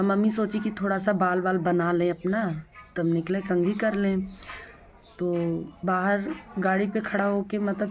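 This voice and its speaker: A woman's voice: medium pitch, a little mellow. Woman telling a family grievance casually. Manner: plain, repetitive retelling with many restarts. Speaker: vlogger. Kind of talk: casual storytelling to viewers.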